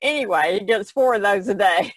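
On a podcast, a woman co-host chats casually in a rambling, easygoing manner and giggles often. Her voice is medium-pitched and animated, moving at a moderate pace with no room sound.

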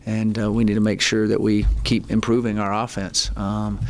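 Halting low-voiced coach with gravelly tone. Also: male voice, flat delivery. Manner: halting, many ums and restarts, plain-spoken. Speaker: head football coach. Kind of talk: postgame press conference answers. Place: press conference room, seated at table. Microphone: table mic in front.

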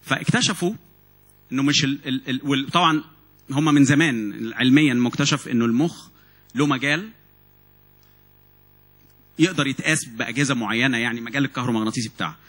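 Fast, husky Egyptian preacher. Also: male voice, mid-range voice. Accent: Egyptian Arabic. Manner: animated, repeats and restarts words. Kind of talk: sermon. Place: church meeting hall.

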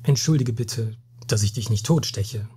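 A weary Spanish captain with a burden on his conscience, speaking slowly and gravely and turning scornful when crossed, as a male reader puts him on. The voice is dark and mellow, and deeply husky and breathy, in a storybook reading. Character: weary, hot-tempered Spanish captain, middle-aged man.

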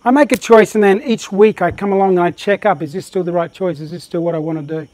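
Passionate high-voiced man presenting a workshop. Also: fast, no room sound. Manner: passionate, energetic. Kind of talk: live motivational presentation.

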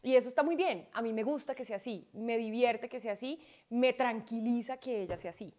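A woman in her thirties talks in a relaxed interview, her voice sitting a little high. She is expressive and quick to laugh, and acts out the voices of people she quotes. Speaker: guest. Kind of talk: casual interview chat.

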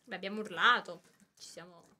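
A woman's voice: medium pitch, fairly quick, bright, forceful tone, a little hiss or hum. A young woman co-hosting a casual cooking live stream, playful and teasing, laughing often. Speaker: guest co-host.

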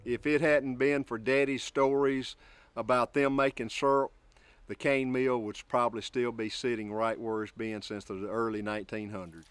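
A man's voice: medium pitch, flat delivery, normal speed, smooth, soft background music. Easygoing Mississippi man, outdoors. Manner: plain, easygoing, with some "uh" fillers. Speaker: syrup maker. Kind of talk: interview. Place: outdoors on a rural homestead.

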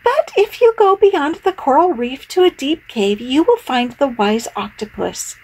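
A woman voicing a gentle, helpful starfish in a storybook. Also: high voice, expressive, measured pace, pitched above the performer's own voice, poor audio.

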